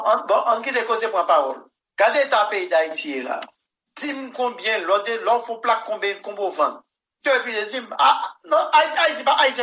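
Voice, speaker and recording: A man's voice: sits high, pushed and bright, slight background noise. A man, a musician answering interview questions in a rambling, emphatic way and often saying "mon cher". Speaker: musician guest. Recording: dull lo-fi recording.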